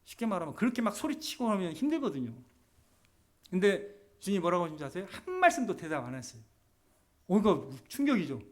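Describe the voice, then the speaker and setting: A man's voice: big pitch swings, fast. A middle-aged male pastor preaching a sermon. He keeps asking the congregation questions and answers them himself, and he acts out quoted speech. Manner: acts out quoted speech with shifting pitch and pace.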